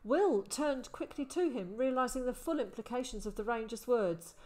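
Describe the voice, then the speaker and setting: A woman narrating an audiobook, reading a story in an expressive way. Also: fairly high pitch, normal speed. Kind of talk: scripted narration.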